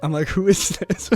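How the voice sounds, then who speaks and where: A man in his thirties with a South Welsh accent, from South Wales, casually comments on his own footage. His voice sits high and is slightly rough, and he comes across nervous and self-deprecating, laughing often and swearing freely.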